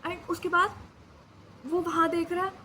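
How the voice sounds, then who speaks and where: A woman's voice: very high voice, level tone, measured pace, bright, forceful tone, a little hiss or hum. A young woman vlogger telling a panicked personal story in casual chat, acting out her own lines dramatically. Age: young adult. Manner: dramatic, re-enacts panicked dialogue. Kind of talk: storytelling vlog.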